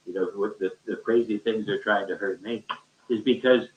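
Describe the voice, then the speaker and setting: In this dull, echoey call recorded from a distant mic, a man with a fairly low, fairly bright voice rambles off the cuff. He's a teacher in an online discussion, talking colloquially and with plenty of emphasis.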